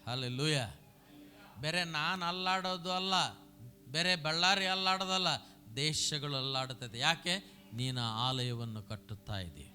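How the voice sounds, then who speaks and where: Bright-voiced pastor leading call-and-response. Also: male voice, fairly high pitch, normal speed, faint music behind. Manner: animated, repeats phrases and has the congregation repeat them.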